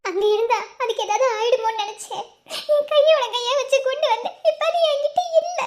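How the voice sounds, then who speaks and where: A woman voicing a fiery, emotional young woman in a cartoon, speaking with a Madurai Tamil accent and scolding through tears. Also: brisk. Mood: hurt scolding. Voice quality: very high, squeaky cartoon voice. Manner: teary, scolding, sulky. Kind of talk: animated cartoon dialogue.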